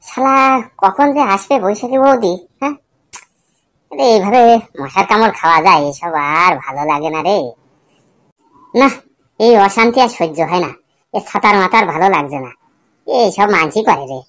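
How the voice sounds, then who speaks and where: A woman's voice: medium pitch, lively intonation, normal speed, long pauses, fairly bright tone, close to an everyday voice. A woman voicing a fretful, grumbling young village man in a cartoon. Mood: fed-up. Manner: grumbling, swears a lot. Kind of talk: cartoon voice acting.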